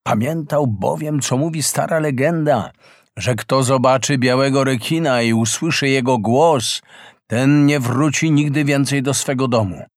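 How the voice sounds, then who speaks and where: A man reading a fairy tale aloud as a slow, expressive storyteller in a close, dry recording. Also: medium pitch, dry recording. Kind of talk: scripted fairy-tale narration.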